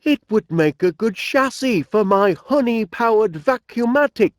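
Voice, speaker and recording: Cheerful and hopeful, the bumbling middle-aged inventor with a Northern English accent speaks expressively and unhurriedly in this animated comedy game performance. His pitch swoops as he stays eager, genial, easily flustered and hesitant, with no room sound in the very dry studio.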